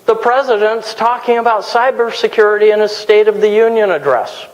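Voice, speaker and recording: A man gives a conference talk in a relaxed, joking way. His voice sits fairly high for a man. It carries a long reverb from a large hall. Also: brisk, dull audio. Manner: casual, joking. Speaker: conference speaker.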